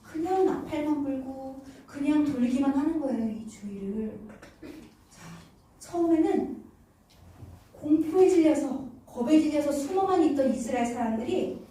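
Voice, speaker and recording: A woman teaching children, telling a Bible story in an animated way and asking them questions as she goes. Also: high-pitched, moderate pace, slight background noise. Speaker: children's Sunday school teacher. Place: church hall. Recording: echoey room from far off.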